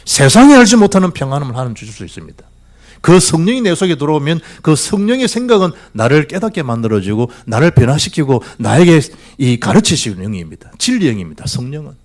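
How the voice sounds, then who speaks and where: Male pastor in his middle years, preaching in church, hugely animated pitch, quizzing the flock. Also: fast talker. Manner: animated preaching with rhetorical questions and swings from loud to hushed. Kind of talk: sermon. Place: church sanctuary.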